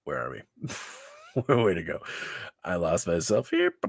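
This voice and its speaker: A man's voice: deep voice, very animated, slow pace, gravelly, breathy edge, dry recording. A man leading a casual Bible study livestream, chatty and loose, often laughing and tossing in "like" and "right?". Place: church livestream.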